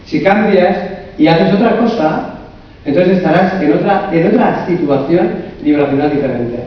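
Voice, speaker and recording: A man's voice: a little high, moderate pace. A man, a coach and therapist giving a humorous live conference talk, asking the audience lots of rhetorical questions. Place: large echoey conference hall. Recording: echoey hall from far off, dull sound.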